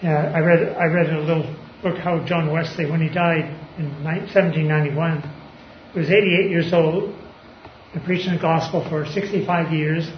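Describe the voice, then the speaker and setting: High-voiced man teaching scripture. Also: slight background noise. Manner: conversational, with fillers and throat clearing. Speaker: preacher. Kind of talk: informal Bible teaching. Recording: roomy, slightly dull recording.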